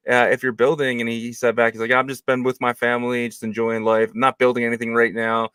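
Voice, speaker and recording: A man's voice: mid-range voice, fast talker, smooth, no echo, studio quality. Laid-back man reading listener questions. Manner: relaxed, reads audience questions, jokey. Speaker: co-host. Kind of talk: casual podcast chat.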